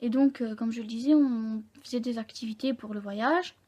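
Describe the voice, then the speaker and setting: Her voice a little high but soft and mellow, a young vlogger shares a personal story while talking to the camera. The telling is candid and halting, with frequent self-corrections.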